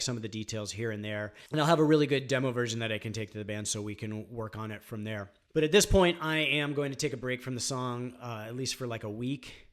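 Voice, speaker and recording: A man teaching songwriting on guitar in a casual, rambling way, with frequent fillers. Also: mid-range voice. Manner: relaxed, rambling, many fillers like "um" and "like". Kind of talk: casual instructional talk.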